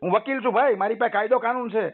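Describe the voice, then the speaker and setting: A man's voice: high-pitched, racing. A man arguing his case at length on a recorded phone call, persuasive and lecturing. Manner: persuasive, lecturing, long-winded. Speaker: loan customer on a phone call. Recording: tinny phone line, faint noise.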